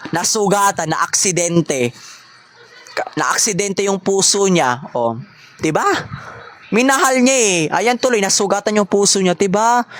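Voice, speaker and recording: Playful chatty gamer in mid pitch. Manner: chatty, playful, mock-serious banter; mixes in English phrases. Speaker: gamer playing online with others. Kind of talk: casual gameplay chat.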